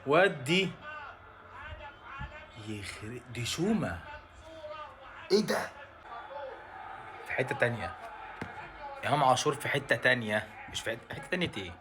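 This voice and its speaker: A young man with an Egyptian Arabic accent, reacting live to a football match with exasperated exclamations and shouts at the players. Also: mid-range voice, expressive, moderate pace, long pauses. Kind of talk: excited live reaction commentary.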